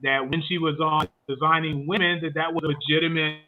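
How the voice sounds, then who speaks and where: A man's voice: on the high side, fairly even intonation, a little fast, phone-quality sound, slight background noise. A man hosting a livestreamed movie review chat, rambling along with frequent fillers and restarts.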